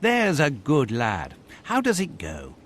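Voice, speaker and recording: A proper British gentleman doctor, a detective's sidekick in a video game. The voice is husky and fairly high, hugely animated, with fussy, formal phrasing. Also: takes it slowly, heavily acted. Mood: genial. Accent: British English. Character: proper, indignant, good-hearted gentleman doctor, detective's companion. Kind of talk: dramatic video game voice acting.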